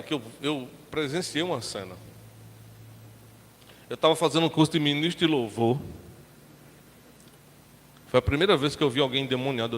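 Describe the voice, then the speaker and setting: A man's voice: fairly high pitch, fairly bright tone. A man from Brazil, a pastor, preaching a sermon in a colloquial, chatty storytelling manner, acting out the people in his story. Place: church sanctuary. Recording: long church hall reverb, faint background hiss.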